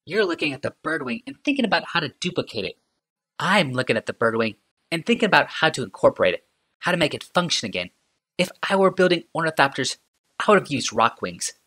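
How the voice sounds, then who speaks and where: Putting on an exaggerated voice, a male narrator plays a morbid, sardonic woman inventor at a quick clip in this audiobook reading. She sounds calm and nearly conversational, musing aloud, her bright, clear tone carried by pitch that leaps and swoops restlessly.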